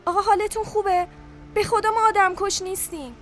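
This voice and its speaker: An actress playing a frightened, remorseful young accomplice in an audio drama, protesting and pleading in anguish. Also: female voice, very high voice, steady tone, slight background noise.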